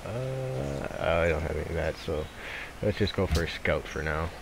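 A young man with a very deep voice talks over voice chat during a game. He thinks aloud and hesitates, filling pauses as he goes. Clear background noise runs behind him. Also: lively intonation. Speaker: multiplayer gamer.

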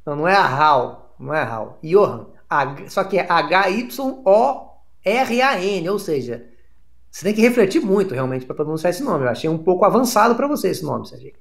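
Deadpan comic sports host, mock-formal tone, lively pitch, gravelly edge. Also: male voice, moderate pace. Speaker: comedy show host.

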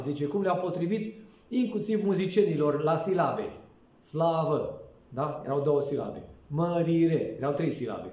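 A man's voice: high-pitched, mellow. A priest explains the liturgy in a teaching manner, asking his listeners questions and reading psalms aloud. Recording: echoey room, voice from a distance.

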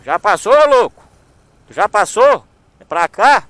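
A man's voice: high voice, expressive, slow pace, a bit bright, dry recording. A man speaking, vlogging outdoors at a motorcycle meetup and teasing friends in a joking mock confrontation. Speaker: motovlogger. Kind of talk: casual vlog chat.

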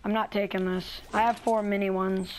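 A young woman hosting a gaming video, chatting casually and quickly with a friend while playing. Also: medium pitch, flat delivery, slight background noise, poor audio. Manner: chatty, talks fast and restarts often. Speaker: gaming channel host. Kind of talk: casual gameplay chat.

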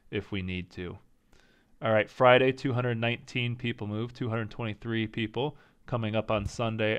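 Low-pitched and slightly raspy, a man hosting a gaming channel talks his way indecisively through a strategy game in a casual let's-play. He thinks out loud, doubts his own moves, and lets out an occasional cough.

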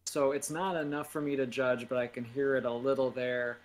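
A man co-hosting a casual chat, giving measured opinions and thinking aloud. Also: medium pitch, fairly even intonation, a little hiss or hum. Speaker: podcast co-host. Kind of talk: casual chat reacting to a trailer.

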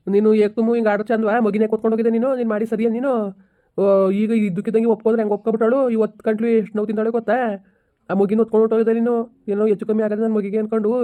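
A man's voice: sits high, mellow, close to an everyday voice. A man playing a stern but caring village elder who lectures. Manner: scolding, lecturing, then soothing. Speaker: elder villager in a comedy skit.

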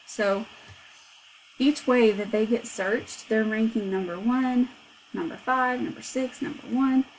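A woman's voice: fairly high pitch, measured pace, a little hiss or hum, low-quality recording. A woman who owns a marketing agency, talking through a screen recording step by step in a casual, conversational way. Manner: conversational, explaining step by step with frequent "so". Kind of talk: screencast walkthrough.

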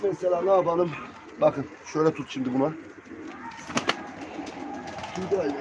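A man's voice: a little high, normal speed. A man chatting casually and colloquially as he hosts a live bird auction stream, addressing viewers familiarly. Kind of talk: casual livestream chat, greeting viewers and showing birds. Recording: muffled, noisy, cooing pigeons behind. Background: pigeons cooing, birds.

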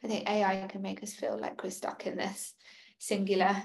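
A woman's voice: medium pitch, flat delivery, moderate pace, vocal fry. A woman speaking on a video call in an academic panel discussion, in a reflective, flowing way. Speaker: keynote speaker.

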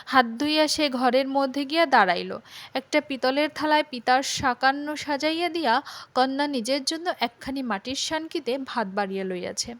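A woman narrating a classic Bengali story in a measured, expressive storytelling voice. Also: high voice, dry recording. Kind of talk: literary audiobook narration.

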